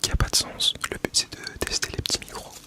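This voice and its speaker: A man whispering breathily in a casual ASMR style, chatting about products with a tongue-in-cheek, mock-solemn manner into a small wireless mic. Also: fast. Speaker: ASMR video creator. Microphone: small clip-on wireless mic being tested.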